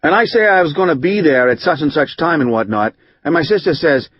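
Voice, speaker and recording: A man reading an audiobook, voicing a rough, hot-tempered recovering drinker who rambles in profane street slang. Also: fairly high pitch, lively intonation, brisk, no room sound, lo-fi sound. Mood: aggrieved. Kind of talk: audiobook narration.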